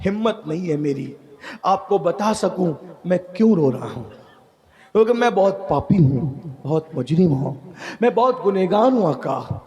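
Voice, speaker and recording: A man's voice: sits high, animated, darkish tone. A man preacher voicing a weeping, remorseful young man pleading and confessing.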